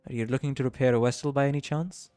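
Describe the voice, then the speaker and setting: A man's voice: medium pitch, fairly even intonation, rapid-fire, darkish tone, smooth, no room sound, faint music behind. A man livestreaming a game, chatting casually and reading the dialogue aloud, laughing often and tripping over words.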